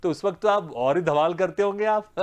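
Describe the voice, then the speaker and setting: A man's voice: high-pitched, moderate pace. A male TV host asking long, rambling questions full of repeated words, laughing and encouraging his guest. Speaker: host, interviewer. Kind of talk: TV interview.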